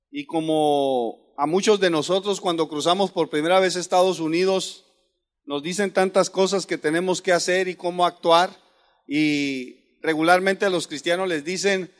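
High-voiced preacher in echoing hall. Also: male voice. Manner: storytelling, asks listeners questions. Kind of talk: sermon with anecdotes. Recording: long hall reverb.

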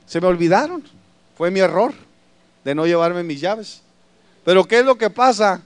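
A man's voice: high voice, lively intonation, normal speed, clean tone, dry recording. A man preaching a sermon, telling stories with animation and calling the congregation brothers. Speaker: pastor.

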